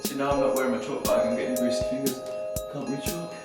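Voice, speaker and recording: A man's voice: medium pitch, flat delivery, fast. A man narrating casually while he climbs at an indoor bouldering gym, talking to himself between moves. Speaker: climbing vlogger. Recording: very echoey hall, distant mic, background music.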